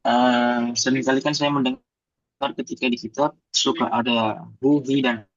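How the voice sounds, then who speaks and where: A man's voice: medium pitch, steady tone, moderate pace. A man asking questions in an online class, polite and hesitant, with many fillers. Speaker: student. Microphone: video call. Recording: dull lo-fi video call audio.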